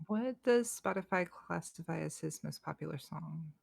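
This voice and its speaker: A young woman co-hosting a podcast in casual chat, relaxed, with short reactions and questions. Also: low voice, moderate pace, creaky, husky. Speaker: podcast co-host.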